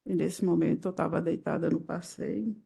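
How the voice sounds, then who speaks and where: A woman with a Brazilian Portuguese accent testifying as a victim in court, retelling events in halting, fragmented phrases. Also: fairly low pitch, fairly even intonation, gravelly, warm tone, husky.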